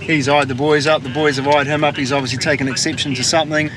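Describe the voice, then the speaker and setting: A man's voice: fairly high pitch, flat delivery, fast, crowd noise. A male police officer with a New Zealand accent, giving an informal briefing on the job. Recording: noisy outdoor traffic.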